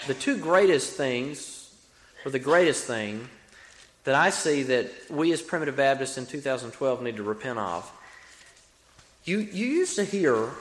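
Young Alabama-accented preacher in an echoey hall. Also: male voice, mid-range voice. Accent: Alabama Southern American. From Alabama, United States. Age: young adult. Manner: earnest, folksy, repeats phrases for emphasis. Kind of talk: sermon. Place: reverberant room, preaching to a congregation. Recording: echoey hall with long reverb.

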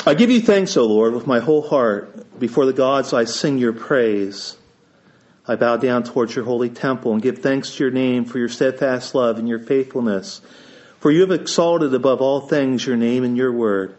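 A man with an Eastern Ohio Appalachian accent preaching, reading scripture and praying in a solemn, measured way while he has a cold. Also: mid-range voice, darkish tone. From Eastern Ohio, United States. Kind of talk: sermon with scripture reading and prayer. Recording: dull, band-limited sound.

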